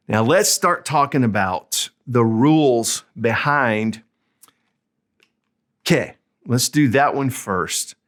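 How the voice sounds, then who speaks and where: A man teaching Spanish grammar in a casual, explanatory way, often checking in with "okay?" and saying the Spanish examples slowly and clearly. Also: medium pitch. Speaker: Spanish tutor.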